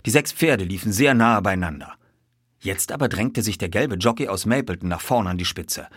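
A man with a husky voice reads the story aloud. His pitch moves a lot through the sentences. The sound is dry and close to the mic. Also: lively intonation, normal speed, no room sound. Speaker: narrator. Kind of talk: audiobook reading.

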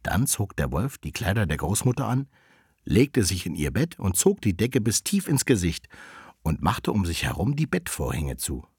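A man reading a fairy tale aloud in an expressive storyteller manner. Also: low voice, moderate pace, breathy edge, no echo, clean studio sound.

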